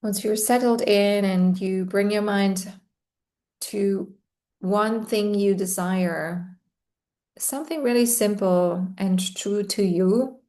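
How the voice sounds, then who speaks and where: A woman guides a meditation in a soft, soothing way. Her voice is warm and mellow, and her pitch barely moves. She talks very slowly and leaves long pauses between phrases. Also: steady tone.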